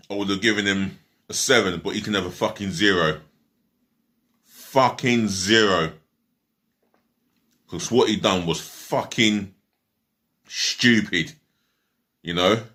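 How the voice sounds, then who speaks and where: A man's voice: fairly low pitch, sharp tone. A man giving a casual, rambling football match review, blunt and swearing freely, sometimes talking with his mouth full. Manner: talks while eating.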